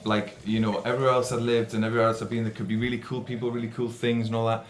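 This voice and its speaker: A man's voice: mid-range voice, flat delivery, rapid-fire, roomy sound, slight background noise. A man being interviewed as a musician, chatting casually and telling anecdotes, often repeating phrases for emphasis.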